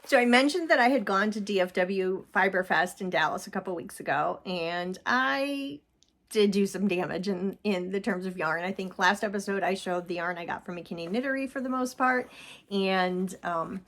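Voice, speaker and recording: A woman's voice: medium pitch, moderate pace, fairly bright tone. A woman hosting a knitting vlog, chatting casually about her shawls with frequent laughs and fillers. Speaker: knitting podcast host. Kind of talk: casual chat showing knitted projects. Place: home.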